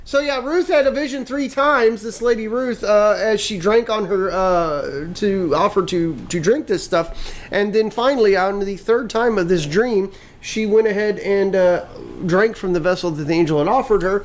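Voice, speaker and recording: A man co-hosting a casual talk show, telling a legend in a rambling way, halting with many fillers. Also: high-pitched. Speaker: co-host. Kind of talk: casual chat, storytelling.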